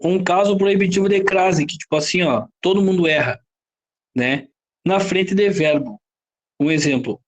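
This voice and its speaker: Brazilian male teacher, high register, lecturing style, constantly checks the class with quick questions. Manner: explains with frequent rhetorical questions and "tá?" checks. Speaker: Portuguese teacher.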